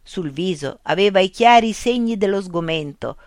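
A narrator reading a fairy tale aloud in an expressive, animated storytelling manner. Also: mid-range voice, normal speed, dry recording, clean studio sound.

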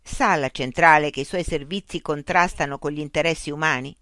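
A man's voice: on the high side, fairly quick, bright, forceful tone, dry recording, clean studio sound. A narrator voicing a frustrated man who argues with a machine in an exasperated, insistent way. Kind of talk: audiobook character voice.

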